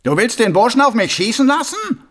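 Man doing a giggling, high-voiced sneering killer. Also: big pitch swings, brisk, fairly bright tone, heavily acted. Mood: mocking. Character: giggling mocking male killer, cruel and smug. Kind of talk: audiobook character voice.

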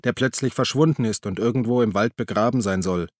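A man voicing a gruff, weary male police detective who answers tersely. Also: mid-range voice, fairly quick, dry recording, clean studio sound, close to an everyday voice. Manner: grumbling, terse.

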